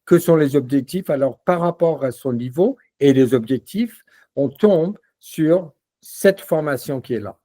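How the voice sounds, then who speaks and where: A man demoing a language-learning platform in a casual walkthrough, relaxed and full of fillers. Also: a little high, a little slow. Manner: relaxed, repeats words, many fillers.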